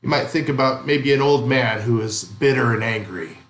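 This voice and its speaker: A male pastor with a medium-pitched voice speaks at a moderate pace in an echoey church sanctuary. His sermon is conversational and gently humorous, full of questions posed to the congregation.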